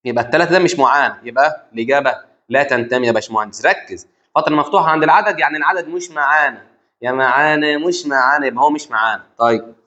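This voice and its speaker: Fast, lively Egyptian math teacher. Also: male voice, a little high. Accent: Egyptian Arabic. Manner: animated, repeats key rules, addresses student as "engineer". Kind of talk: exam review lesson. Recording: lo-fi dull sound.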